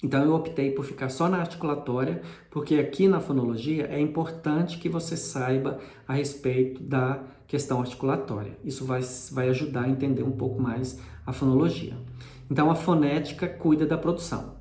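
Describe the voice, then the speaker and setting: A man's voice: mid-range voice, brisk, warm tone. A man, explaining linguistics in a patient lesson and repeating key terms. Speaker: linguistics teacher. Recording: echoey room.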